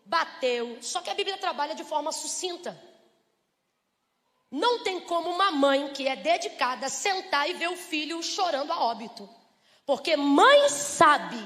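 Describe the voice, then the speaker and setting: A high-pitched woman preaches to a congregation in an animated, storytelling way, acting out voices as she goes. Rhetorical questions keep the crowd involved. Her voice rings with the long reverb of a large hall. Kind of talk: lively sermon to a congregation.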